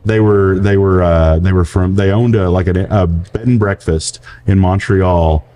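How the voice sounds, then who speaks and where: A man in his forties chats casually on a podcast, wandering through stories and laughing along. His voice sits low, with a warm, mellow tone. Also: fairly even intonation, unhurried, a little hiss or hum. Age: 40s. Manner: rambling storyteller, laughs often. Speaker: podcast co-host. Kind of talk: casual chat.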